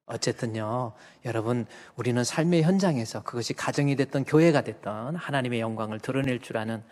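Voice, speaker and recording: Korean pastor preaching in a reverberant church. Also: male voice, medium pitch, fairly quick. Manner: conversational preaching, acts out short quoted lines; shifts between loud jabs and soft intimate lines. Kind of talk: sermon. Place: church sanctuary.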